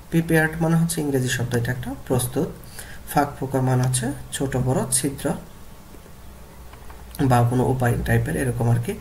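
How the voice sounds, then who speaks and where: A man teaching a lesson, reading a story aloud and then explaining words and repeating them slowly to model their pronunciation. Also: mid-range voice, slight background noise.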